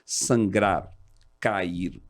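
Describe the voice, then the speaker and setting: A man in his forties, a fire department officer, talking as an interview guest in an animated, explanatory way. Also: drawn-out words. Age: 40s. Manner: animated, explanatory, jumps high when quoting others. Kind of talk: casual interview talk.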